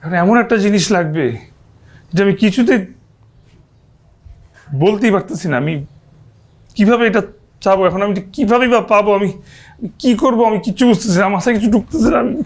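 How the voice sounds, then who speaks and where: A restless, lovestruck young man, spoiled and pleading. The voice sits high for a man and the words tumble out fast in TV-drama style. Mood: anxious. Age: young adult. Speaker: lovestruck son. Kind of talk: TV drama acting.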